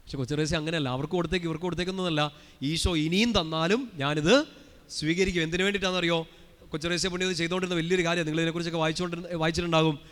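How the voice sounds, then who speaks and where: Fast-talking priest preaching in a hall. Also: male voice, on the high side, little pitch movement, a bit bright, clear, resonant tone. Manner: chatty, asks the crowd questions and has them answer. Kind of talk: live sermon to a congregation. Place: large prayer hall at a retreat centre.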